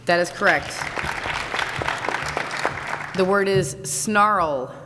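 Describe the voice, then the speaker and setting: A woman acting as a spelling bee pronouncer, reading each word in a formal, precise, even manner, in a large school hall. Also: fairly low pitch. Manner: measured, even, precise diction. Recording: echoey hall, loud crowd noise.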